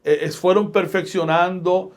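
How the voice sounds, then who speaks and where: This middle-aged Puerto Rican man, a guest pastor and radio broadcaster, tells stories in a podcast interview with a Puerto Rican Spanish accent. His voice is a bit higher than most men's, his intonation fairly even, and he preaches in a measured, emphatic cadence, leaning on each phrase and quoting scripture.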